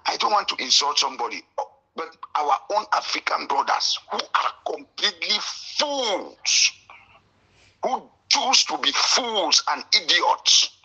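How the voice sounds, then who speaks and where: A man from Cameroon with a Cameroonian English accent, calling in to a radio show, impassioned and indignant, at times breaking into shouts. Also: sits high, gravelly, slightly rough, rough recording. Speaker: caller. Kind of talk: call-in radio talk.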